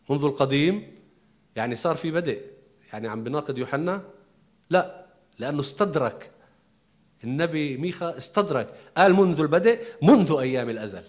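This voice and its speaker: A man preaching a sermon, explaining emphatically with pauses and restarts. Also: on the high side.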